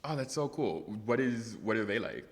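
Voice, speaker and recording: A man's voice: medium pitch, expressive, normal speed, long reverb tail. A man hosting a studio interview, asking light teasing questions and laughing easily. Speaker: podcast host. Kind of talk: casual interview.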